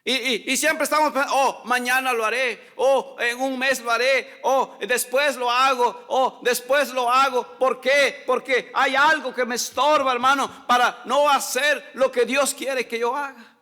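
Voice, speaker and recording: High-voiced preacher in a reverberant church. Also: male voice, fairly even intonation, unhurried, hardly any pauses. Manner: preaching, repeats "hermanos" often, swings between loud and hushed. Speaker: pastor. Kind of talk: sermon. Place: church hall. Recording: long church hall reverb.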